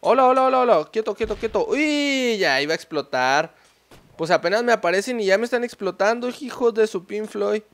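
A young man with a Mexican Spanish accent giving casual, slangy commentary as he plays a mobile game, talking to himself and yelling when things explode. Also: sits high. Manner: excitable, slangy, talks to himself while playing. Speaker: gameplay streamer. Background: faint game music.

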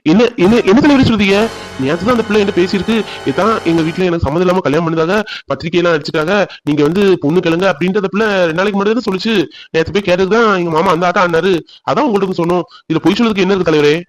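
A man's voice: high-pitched, very fast, soft background music, natural voice, rough recording. A man voicing a worried, argumentative young village man in a cartoon, insistent. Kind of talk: cartoon voice acting.

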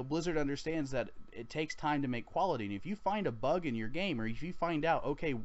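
A man's voice: medium pitch, muffled recording. A man hosting a gaming podcast, talking casually in long rambling sentences with frequent restarts. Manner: rambling, restarts, laughs easily. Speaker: podcast host.

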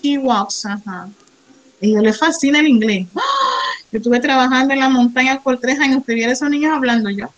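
A woman's voice: high-pitched, a little fast, dull audio. A woman English teacher with a Panamanian Spanish accent, coaching students in an online class, encouraging and praising, switching between Spanish and English.

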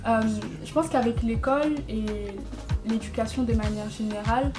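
A woman in her twenties from French Guiana and Brazil, a guest explaining her path in earnest, seated in a bright room. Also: on the high side, normal speed, music in the background. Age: 20s. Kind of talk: casual interview chat.

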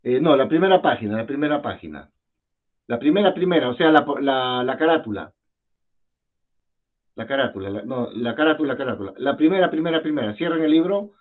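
A male teacher with a Peruvian Spanish accent runs an online class. He speaks at a middling pitch, repeating words patiently and quizzing his students. The audio is thin and phone-like, as on a video call. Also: animated, a little fast. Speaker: French teacher.

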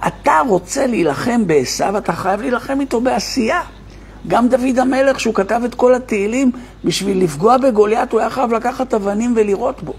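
A man, a rabbi, giving an impassioned online sermon to his viewers, firing rhetorical questions and swinging from loud cries to a near hush. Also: extremely high pitch, breathy edge. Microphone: streaming to online viewers.

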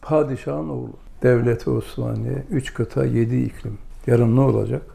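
Older male lecturer: very gravelly, mellow timbre, storyteller who acts out the dialogue. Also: mid-range voice, steady tone, moderate pace. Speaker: religious lecturer. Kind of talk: religious lesson with anecdotes.

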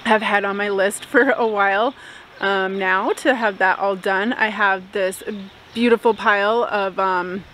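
A woman in her thirties talking casually to a handheld camera outdoors in her garden, relaxed, with frequent "um" fillers. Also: medium pitch, a little slow, slight background noise. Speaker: homestead vlogger. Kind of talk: casual vlog narration. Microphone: camera held at arm's length.

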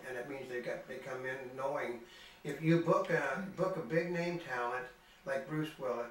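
An older man reporting on a film festival in casual chat, rambling and halting with many restarts. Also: mid-range voice, a bit bright, slight background noise. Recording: echoey room from far off, faint ambience.

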